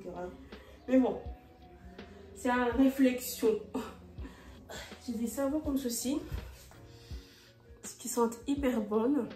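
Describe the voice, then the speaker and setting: A woman with a mellow, slightly high voice chats casually in a vlog while tidying her bedroom. She speaks French as a second language, dropping in English phrases with frequent fillers and restarts, and the sound is roomy and distant with faint music.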